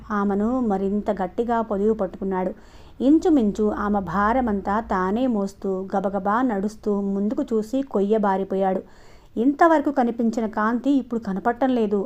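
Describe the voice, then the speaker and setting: A woman's voice: medium pitch, a little mellow. A woman reading a romantic novel aloud as an audiobook narrator. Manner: reads dialogue of both lovers in a lightly heightened tone. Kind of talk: novel reading with voiced dialogue. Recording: dull lo-fi sound.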